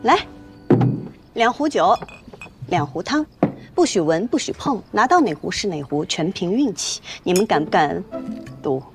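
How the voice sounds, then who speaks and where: A woman's voice: mid-range voice, animated, unhurried, long pauses, over music. An actress in a costume drama playing a shrewd, polite young merchant woman with deferential, artful phrasing. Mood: playful challenge. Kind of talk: Chinese costume television drama acting.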